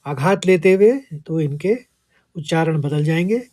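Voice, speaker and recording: Slow, high-voiced man teaching verse recitation. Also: expressive. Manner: slow, careful, syllable-by-syllable pronunciation coaching; chants the Sanskrit verse slowly and louder. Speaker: Gita teacher. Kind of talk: recitation lesson with word-by-word explanation.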